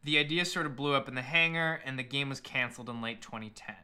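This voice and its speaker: Bright-voiced man hosting a podcast. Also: mid-range voice, fast, clean tone. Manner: profane, irreverent, emphatic. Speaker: podcast host. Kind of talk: podcast storytelling, part scripted, part casual.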